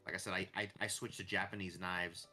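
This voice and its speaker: A man's voice: deep voice, flat delivery, a little fast, bright, forceful tone. A man giving casual gameplay commentary, thinking aloud and restarting his sentences as he rambles. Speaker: gameplay streamer. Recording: clear music behind the voice.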